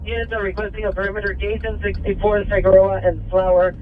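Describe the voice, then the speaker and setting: Man dispatcher, higher voice, cut-off police scanner radio, muffled, faint hiss. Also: flat delivery, fast talker. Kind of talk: clipped radio dispatch calls.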